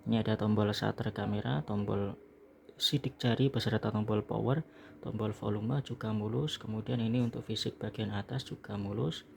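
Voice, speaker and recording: An Indonesian man in a small room gives casual product packing and review narration as an online seller, explaining as he goes and frequently finishing phrases with "ya." His lowish, gravelly, slightly mellow voice has fairly even intonation and normal speed, with a little hiss or hum present.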